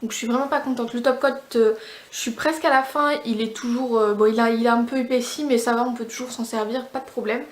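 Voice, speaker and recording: A fairly high-voiced woman from France, chatting away about her makeup and nail polish. She talks casually, full of little fillers and false starts, and her voice rings in an echoey room. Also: steady tone, fast. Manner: chatty, many fillers and restarts. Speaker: beauty vlogger. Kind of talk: casual product review.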